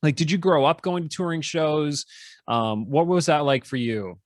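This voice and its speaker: A man hosting a casual interview, excitable and quick, often restarting his sentences. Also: a little high, no echo, studio quality. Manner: excitable, laughing, rushed restarts. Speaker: host.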